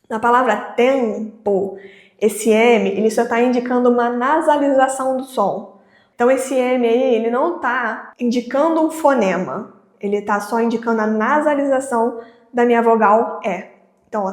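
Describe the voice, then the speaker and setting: Woman, teacher, grammar lesson, slightly high voice, slow careful example words. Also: echoey room.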